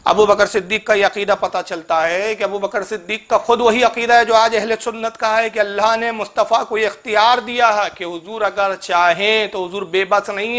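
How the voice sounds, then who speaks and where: A man's voice: high voice, a bit bright. A male Islamic preacher giving a polemical religious talk, sarcastically rebuking a rival cleric and reciting Arabic scripture in a chanting cadence.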